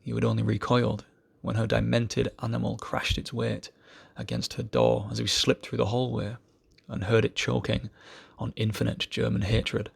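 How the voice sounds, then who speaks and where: In a low voice heavy with creak, a man solemnly recites poetry with a husky tone. His phrasing is measured and deliberate, the delivery of an amateur reader.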